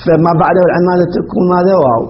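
A man with a high-pitched voice teaches a grammar class. He poses questions to the room and answers them himself. The recording is dull and lo-fi, with a faint hiss behind him. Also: racing.

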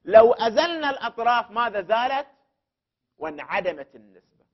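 A man's voice: very high voice, sing-song, a little fast. A man teaching a classroom lesson on legal theory. He builds the argument step by step, repeats key terms for emphasis and puts questions to the student. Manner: addresses the student directly and poses questions. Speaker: teacher of jurisprudence principles. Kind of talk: classroom lecture. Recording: dull lo-fi recording.

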